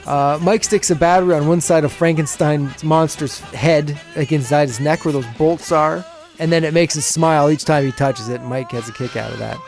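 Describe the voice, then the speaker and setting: A man's voice: fairly high pitch, steady tone, normal speed, darkish tone, faint music behind. A man co-hosting a podcast, recapping an episode in a casual, chatty way and often chuckling as he goes. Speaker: podcast co-host.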